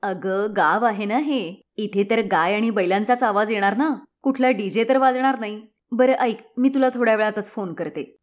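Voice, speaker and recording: A woman's voice: mid-range voice, moderate pace, close to an everyday voice. A woman voicing a spoiled, rude young city daughter-in-law who scolds and complains sharply. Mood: casual.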